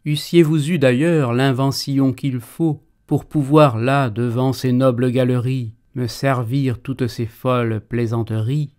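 Proud, sharp-witted swordsman-poet played by a male actor; stage verse, mocking and declamatory, unhurried delivery, mid-range pitch. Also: steady tone, lightly acted. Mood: scornful, proud. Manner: declamatory, shifting tone from line to line. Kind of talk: theatrical French verse monologue.

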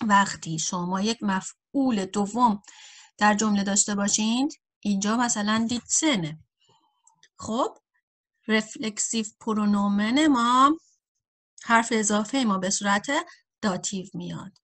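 A woman teaching a German grammar lesson, addressing viewers directly and saying example sentences slowly and carefully for learners. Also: mid-range voice, fairly bright tone. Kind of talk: grammar lesson explained in Persian.

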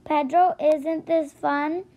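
A cheerful little girl from a storybook, read by a woman in her own high voice. She talks slowly and sometimes trips over her words. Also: steady tone, warm tone. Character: cheerful young girl, spring lover.

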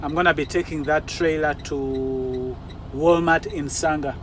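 Unhurried, with a slightly high voice and fairly even intonation, the forty-something trucker casually explains things and gives viewers advice in his vlog. Vehicle ambience makes the handheld phone-or-camera recording noisy, shot mostly in the cab with some outdoor moments.

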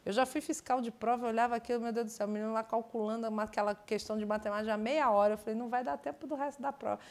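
Lady teacher, slightly high voice, chatty, explaining grammar live. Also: very fast. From Brazil. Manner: chatty, explains with lively asides. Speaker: English teacher. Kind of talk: live online exam-prep class.

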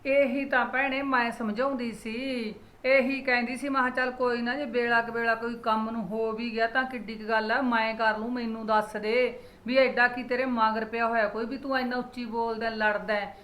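A woman's voice: fairly high pitch, steady tone, moderate pace, few pauses, a bit bright, roomy sound, close to an everyday voice, poor audio. A woman with a Punjabi accent playing a worried, apologetic mother-in-law who laments her son's behaviour. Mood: lamenting.

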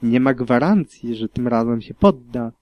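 A man voicing a cautious male unicorn on a council who speaks in a wary, deliberate way, in an audiobook reading. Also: mid-range voice, animated, muffled recording, lightly acted.

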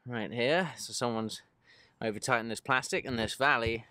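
A man's voice: medium pitch, normal speed, bright, forceful tone, no echo. Man, thirties, mobile mechanic, casual vlog, phone held at arm's length, fillers. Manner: matter-of-fact, explanatory, frequent "uh" fillers. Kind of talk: casual work vlog narration. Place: van cab and outdoors at a vehicle in rain. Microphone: phone camera held at arm's length.

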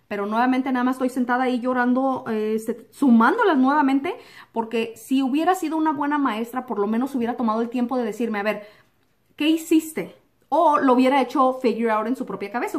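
Young woman vlogger, lively storytelling, voice sits a bit high, acts out the scenes. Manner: animated, acts out quotes and sound effects like "pum"; drops English words into Spanish. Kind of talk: personal storytelling to camera.

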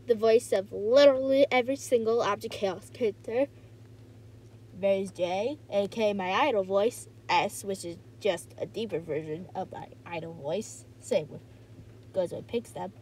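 A woman's voice: a little high, a little mellow. A woman talking casually to her viewers as a video creator, playful and rambling. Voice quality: playful, rambling, self-correcting. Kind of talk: casual talk to camera.

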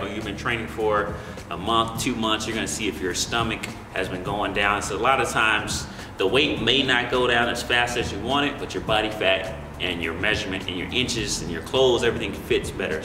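A young adult American man, a fitness coach and video host, gives informal, encouraging instruction to camera in a large indoor gym, often checking in with the listener. His voice is medium-pitched, and the echoey, reverberant room has music playing behind him.

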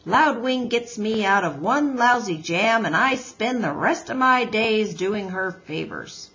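A woman voicing a gruff, stubborn father beaver in a children's storybook, blunt and folksy in manner. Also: medium pitch, animated, measured pace, fairly bright tone, rough recording. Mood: grumpy, stubborn. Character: gruff, stubborn, grudgingly helpful old-fashioned father beaver.

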